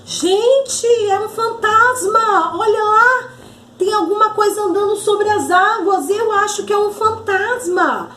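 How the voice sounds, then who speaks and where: A woman voicing a panicked male disciple who shouts frantically in alarm. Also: very high voice, takes it slowly, reverberant, slight background noise, pitched above the performer's own voice, heavily acted. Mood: terrified.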